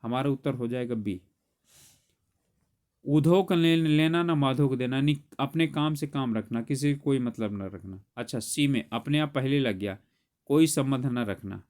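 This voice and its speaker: A man's voice: mid-range voice, a little slow, darkish tone. A man teaching grammar, solving an exam paper aloud step by step and correcting himself as he goes. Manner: explains step by step, corrects himself mid-sentence.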